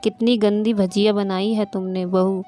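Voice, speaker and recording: Sharp-tongued old mother-in-law, scolding and loud, mid-pitched, a woman reading her, storybook. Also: little pitch movement, moderate pace, faint music behind, natural voice. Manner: scolding, shouting.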